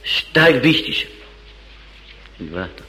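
A man's voice: mid-range voice, sing-song, takes it slowly, bright, forceful tone, slight background noise, low-quality recording. A male preacher telling a Bible story as a sermon, dramatic and fond of repeating phrases.

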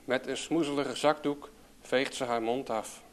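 Man calmly reading a story aloud. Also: medium pitch, unhurried. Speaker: narrator.

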